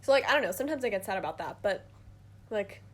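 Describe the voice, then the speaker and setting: A woman's voice: medium pitch, expressive, fast talker. A young woman in her late teens co-hosting a podcast, talking casually and rambling with lots of "like". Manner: rambling, filler-heavy, with frequent "like". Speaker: podcast co-host. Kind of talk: casual chat.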